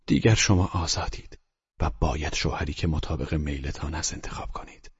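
A man voicing a hushed, husky older doctor. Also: very deep voice, full character voice. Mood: hushed, tender. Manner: soft, hushed, often whispered. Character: older male doctor, calm and earnest. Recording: dull lo-fi recording.

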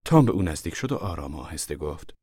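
Deep-voiced man narrating an audiobook. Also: very animated, a little mellow, husky, no room sound, studio quality.

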